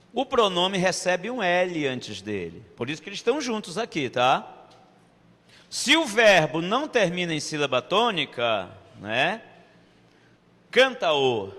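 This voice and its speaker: A man's voice: on the high side, pushed and bright, in a large hall. A Brazilian man teaching a grammar lesson with playful asides to his students. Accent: Brazilian Portuguese. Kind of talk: online exam-prep grammar lesson.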